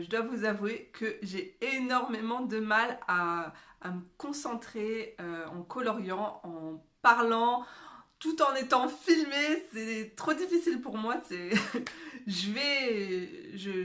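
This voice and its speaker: A cheerful woman in her thirties talks casually while she colors. She hesitates a lot, stopping and restarting with fillers. Her voice sits at an ordinary middle pitch. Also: bright, forceful tone. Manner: cheerful, laughs easily. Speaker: coloring book YouTuber.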